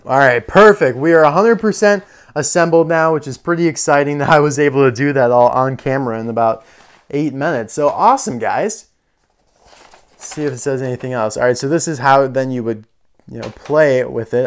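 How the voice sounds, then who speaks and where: A man with a smooth, medium-pitched voice reviews toys hands-on in a room packed with toy displays. His commentary is casual and unscripted, chatting and thinking aloud as he goes.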